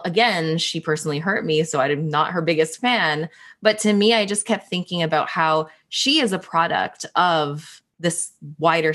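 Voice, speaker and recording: Low-voiced earnest woman. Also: fairly bright tone. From Philippines, raised in Canada. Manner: earnest, reflective, laughs lightly. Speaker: guest. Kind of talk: casual interview chat.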